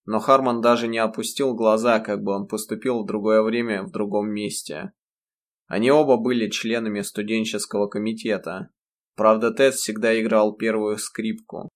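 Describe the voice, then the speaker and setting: A man narrating a novel in the first person, reading in a measured, even storytelling voice. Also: on the low side. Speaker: audiobook narrator.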